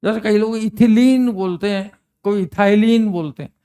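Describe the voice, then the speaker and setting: An older chemistry teacher talks his class through problems. His voice sits high and has a gravelly edge. He chats, fires questions at the students and drifts into old stories. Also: brisk, dark tone. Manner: chatty, quizzes students and reminisces. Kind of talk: classroom lecture.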